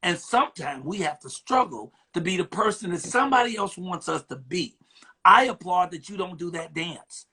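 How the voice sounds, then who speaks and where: Man, comedian interviewer, animated, preachy riffs, high voice, forceful bright tone. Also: moderate pace, slightly rough. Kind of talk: casual interview chat.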